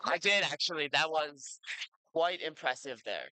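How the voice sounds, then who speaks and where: A man doing live play-by-play commentary at a quadball tournament, his voice jumping up with excitement on goals and catches. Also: a little high, a little slow, dry recording.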